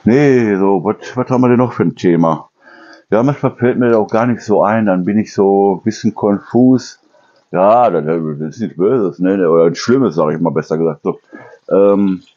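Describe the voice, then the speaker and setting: A man with a low, mellow voice chats casually in his kitchen, his pitch swinging widely as he rambles. He often corrects himself mid-sentence and breaks into imitated noises. The sound is dull and lo-fi. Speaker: channel host.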